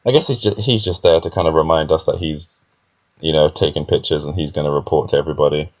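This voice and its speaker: A man's voice: rumbling low, fairly even intonation, fast talker. A young man casually reviewing a comic chapter, rambling with frequent fillers and laughs. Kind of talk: casual commentary. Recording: dull lo-fi recording.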